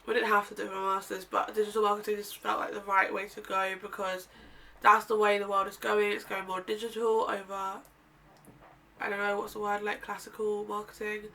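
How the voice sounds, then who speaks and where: This UK vlogger, in her twenties, sits and chats casually to camera, rambling and correcting herself mid-thought. Her mid-range voice has vocal fry and a sharp tone, and she sounds nasal and stuffy. The recording uses a far-off mic that catches faint room ambience.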